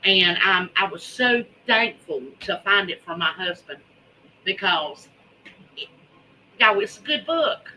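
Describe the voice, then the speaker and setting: A woman hosts a casual livestream. Her voice is very bright and forceful, and she takes her time, drawling and repeating words for emphasis. There is some noise behind her. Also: mid-range voice, expressive, takes it slowly, pauses often, poor audio. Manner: folksy, drawling, emphatic repetition. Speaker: host of a homesteading preparedness vlog.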